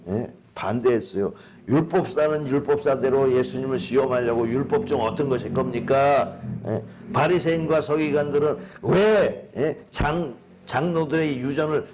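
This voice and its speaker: A man's voice: a little high, darkish tone. A male pastor preaching a sermon in an emphatic way, asking the congregation rhetorical questions.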